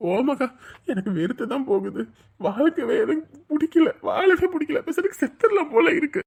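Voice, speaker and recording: A woman's voice: sits high, moderate pace, vocal fry, a little mellow. A woman voicing a young husband who is tearful and self-pitying after losing his job, in a serial-style drama. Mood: despairing. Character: young husband in despair over lost work. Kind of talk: TV serial acting.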